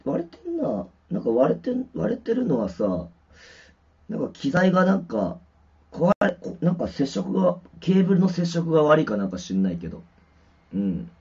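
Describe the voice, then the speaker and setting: This man's husky, higher-pitched voice comes through dull, distorted lo-fi stream audio. He's a musician livestreaming from home, chatting loosely and full of fillers as he tests his mic and guitar.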